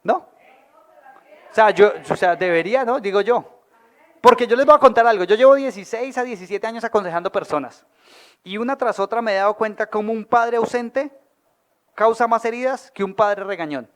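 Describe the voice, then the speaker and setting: Man, Colombian accent, pastor, sermon, high voice, colloquial, humorous, quizzes the audience. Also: brisk. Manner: lively, asks the audience questions.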